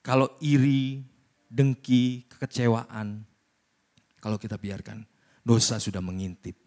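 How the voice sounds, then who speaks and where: A male preacher delivering a sermon at a church service. His voice sits at an ordinary pitch, and he talks in a lively, colloquial way, slipping into acted-out voices. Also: measured pace.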